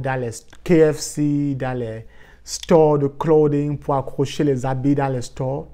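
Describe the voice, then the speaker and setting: An African man, a vlogger, tells a casual personal story for his vlog in a lively way. His voice is slightly high, and he drops English words into his telling.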